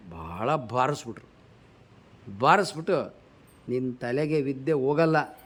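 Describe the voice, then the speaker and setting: A man giving a storytelling sermon, asking his listeners questions and dropping soft and low for tender moments. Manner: slowly chants a verse. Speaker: preacher.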